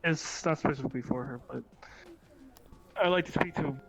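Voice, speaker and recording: A man chatting in character during a role-play, halting and secretive, on a dull lo-fi microphone. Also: a little high, creaky, breathy edge, soft background music. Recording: dull lo-fi mic.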